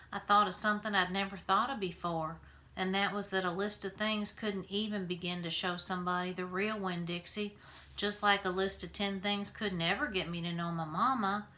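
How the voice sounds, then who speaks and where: A woman reading a children's novel aloud and then talking about it in a relaxed way, with fillers. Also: mid-range voice.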